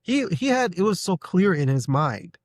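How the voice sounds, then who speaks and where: A male podcast host talks with a lively, swinging pitch. He is enthusiastic and keeps the conversation moving. The sound is dry and close. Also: normal speed, no room sound. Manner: enthusiastic, animated, acts out quotes. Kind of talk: casual interview.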